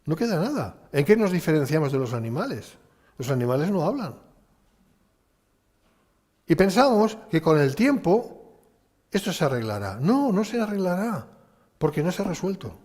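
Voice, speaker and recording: A man's voice: a little high, sing-song, normal speed, pauses often, darkish tone. A man preaching a conversational sermon, asking rhetorical questions and acting out short exchanges. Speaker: pastor. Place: church hall. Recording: church hall with long reverb.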